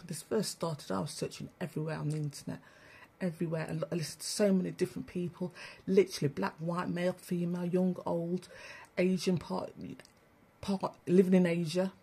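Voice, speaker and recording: A woman spiritual broadcaster rants through a livestream monologue, preaching bluntly to listeners she calls family and swearing freely. Her voice is lowish, level and brisk, with vocal fry and a dark, slightly rough tone.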